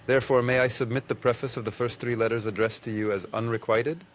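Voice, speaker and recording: A man voicing an obsessive male stalker who writes formal, old-fashioned letters, read gravely over music. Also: mid-range voice, fairly even intonation, fast talker, natural voice. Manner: formal, archaic, grave reading.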